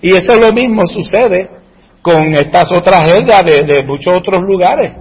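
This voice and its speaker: In this muffled clip, a man with a high, animated voice and a breathy edge talks at a normal speed. He plays casual host, rambling through viewer comments, posing rhetorical questions and laughing softly, all in a room with long, echoing reverb.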